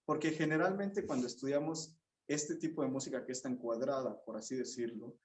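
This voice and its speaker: A man teaching a bassoon masterclass, patiently explaining and singing rhythms and note names to show the phrasing. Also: fairly even intonation, brisk, darkish tone. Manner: patient, encouraging. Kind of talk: masterclass instruction.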